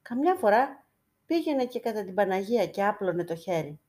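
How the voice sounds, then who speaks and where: A woman reading an old village story aloud. Her telling is expressive, with a lively, animated lilt. Her voice sits in the middle of the usual range for a woman. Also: mid-range voice. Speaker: narrator.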